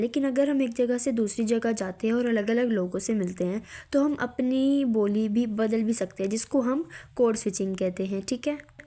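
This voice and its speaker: Woman teacher, warm higher voice, self-quizzing lecture style. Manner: asks and answers her own questions; mixes Hindi and English terms. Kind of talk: explaining lecture notes.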